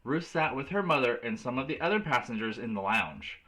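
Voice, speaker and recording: A man reading a children's storybook aloud as a teacher, in a clear storytelling delivery. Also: mid-range voice, animated, fairly quick, sharp tone, poor audio.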